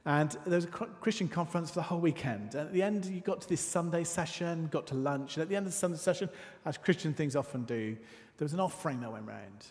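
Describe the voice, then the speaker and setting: A man giving a sermon in a church, telling a personal story with dramatic pauses and hushed asides. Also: on the high side. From north of England. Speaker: preacher. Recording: church hall with long reverb.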